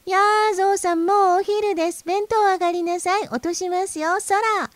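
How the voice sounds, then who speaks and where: A woman voicing a small, cheeky jay bird in a storybook reading, calling out in a high, teasing sing-song. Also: fairly even intonation, normal speed, no echo.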